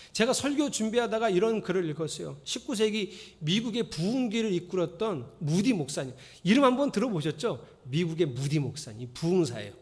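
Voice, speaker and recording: A male pastor delivering a sermon in a lively storytelling way, acting out prayers and quotes and swinging between loud and hushed. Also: high voice. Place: church sanctuary. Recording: long church reverb.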